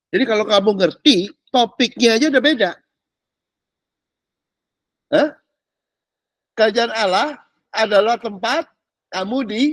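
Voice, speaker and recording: A male pastor preaching a sermon, animated and chatty, with mocking asides and casual slang. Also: high-pitched, no echo, studio quality.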